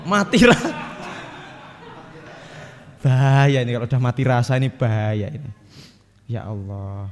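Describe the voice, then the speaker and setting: A male preacher with a Javanese accent giving a lively, joking religious lecture, often putting questions to his audience. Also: medium pitch, a little slow, in a large hall. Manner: jokey, engages audience with direct questions.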